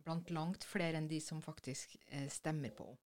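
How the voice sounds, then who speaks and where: Low-voiced woman explaining politics. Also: steady tone, darkish tone. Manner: thoughtful, hesitant with many fillers. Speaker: podcast co-host. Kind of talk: conversational explainer.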